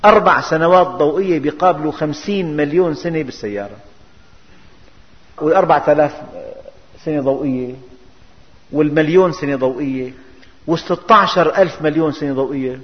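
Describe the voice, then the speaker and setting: A man's voice: fairly high pitch, a little fast, long pauses. A man giving a religious lesson, emphatic and full of rhetorical questions. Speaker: preacher. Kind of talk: religious lesson explaining scripture. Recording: dull recording, long hall reverb.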